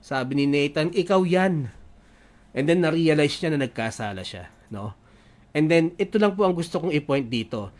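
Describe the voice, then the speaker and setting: A man with a Filipino accent preaches a sermon, switching between Tagalog and English. His voice sits a little high for a man. He reads scripture aloud and keeps checking in with the congregation through short tag questions. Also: lively intonation, a little fast, a little mellow.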